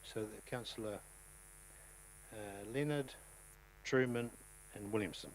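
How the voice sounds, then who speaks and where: A man who chairs a local council meeting as mayor. He has a New Zealand accent, talks in a relaxed way with many ums, and speaks up when he calls the votes. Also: lowish voice, measured pace, a little hiss or hum, rough recording.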